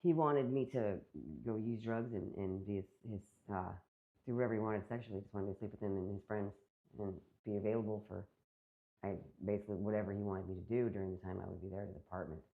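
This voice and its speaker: A woman's voice: extremely low pitch, fairly even intonation, fast talker. A woman being interviewed, recounting a personal story in a rambling way, full of fillers and quoted back-and-forth. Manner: rambling, filler-heavy retelling with many quoted exchanges. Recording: phone-like narrow band.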